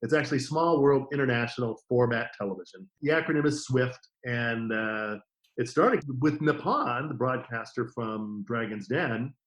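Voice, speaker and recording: Middle-aged man, podcast guest, casual storyteller, acts out quotes, lively anecdotes. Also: mid-range voice, normal speed, poor audio. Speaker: podcast guest, TV formats distributor.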